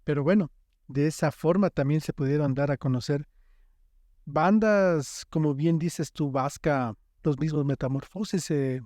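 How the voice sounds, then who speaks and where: A man's voice: fairly high pitch, unhurried, darkish tone, dry recording, clean studio sound. A man from Ecuador hosting a podcast interview, prompting his guest with questions and short agreeing interjections. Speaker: podcast host.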